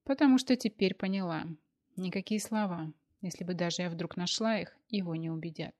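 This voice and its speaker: A woman's voice: on the low side, fairly quick, darkish tone. Woman narrating a first-person story.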